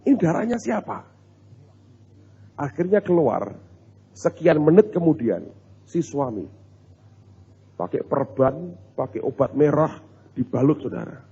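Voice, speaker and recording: A male pastor, preaching in an animated, humorous storytelling way and talking straight to his congregation. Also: on the high side, unhurried, pauses often, a little hiss or hum. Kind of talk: storytelling sermon. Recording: muffled recording in a reverberant hall.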